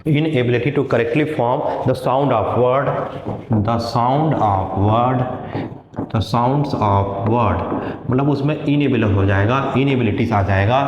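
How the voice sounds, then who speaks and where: A man's voice: mid-range voice, a little mellow, a little hiss or hum. A male teacher giving an exam-prep lecture in Hindi with a Chhattisgarh accent, repeating key terms, mixing in English words and asking questions that he answers himself. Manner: asks the class questions and answers them. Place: classroom. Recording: echoey lo-fi classroom recording.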